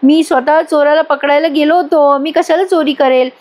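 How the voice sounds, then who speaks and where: A woman's voice: high-pitched, fairly even intonation, normal speed, a little mellow, voice pushed up, close to an everyday voice. A woman voicing a whining, pleading middle-aged man under arrest in a story recap.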